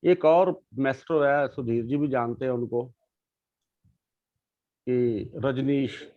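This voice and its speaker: A middle-aged man, a guest sharing his life story in casual conversation, reflective and earnest, often pausing and restarting. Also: mid-range voice, fairly even intonation, warm tone, no echo. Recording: dull lo-fi sound.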